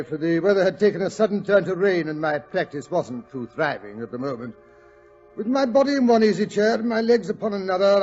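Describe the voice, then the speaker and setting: An actor playing a genial, chatty older English doctor, telling stories in a fussy, hemming, old-fashioned 1940s radio manner. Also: male voice, a little high, a little mellow, close to an everyday voice. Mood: reminiscing. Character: genial, chatty old English doctor reminiscing about his detective friend. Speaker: storyteller. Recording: dull vintage 1940s radio recording.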